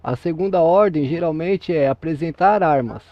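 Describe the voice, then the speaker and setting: Higher-voiced Brazilian man coaching patiently. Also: moderate pace, dry recording, highs cut off. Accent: Brazilian Portuguese. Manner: patient, explains step by step, checks understanding. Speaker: police roleplay drill instructor. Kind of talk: instructing in game voice chat.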